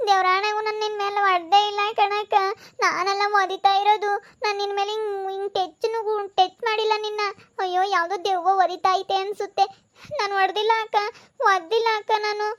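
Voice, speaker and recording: A village neighbor woman, played by a woman keeps protesting and pleading in a very high voice. She speaks with a rural central Karnataka accent. The setting is a village comedy skit. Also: flat delivery, fairly quick. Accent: rural central Karnataka Kannada.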